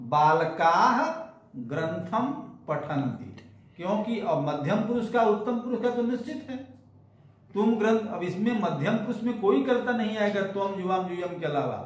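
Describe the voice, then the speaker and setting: A man teaching Sanskrit grammar, patiently drilling example sentences one after another. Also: high voice. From India. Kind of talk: grammar lesson. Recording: very echoey room.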